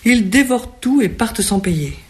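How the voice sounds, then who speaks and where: A reader voicing an anxious woman innkeeper who speaks in hushed, pleading tones. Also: medium pitch, animated, moderate pace, voice pushed up, close to an everyday voice. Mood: fretful.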